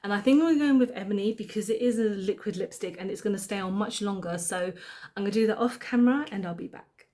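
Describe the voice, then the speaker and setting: A woman's voice: medium pitch, a little mellow. A young woman chatting casually as she applies her makeup, thinking aloud and correcting herself as she goes. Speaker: beauty vlogger. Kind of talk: casual makeup tutorial chat.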